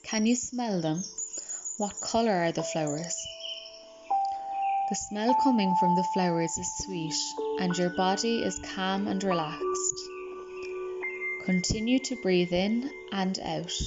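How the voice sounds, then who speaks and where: A woman reading a guided relaxation script in a soft, soothing manner. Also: medium pitch, takes it slowly. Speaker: meditation guide. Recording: slightly dull recording. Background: calm music and birdsong.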